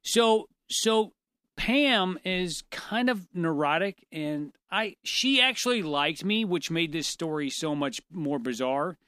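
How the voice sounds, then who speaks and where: A man co-hosting a casual chat, telling stories in an animated, self-deprecating way with frequent laughter. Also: fairly high pitch, takes it slowly, smooth, no echo, studio quality. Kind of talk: casual conversational storytelling.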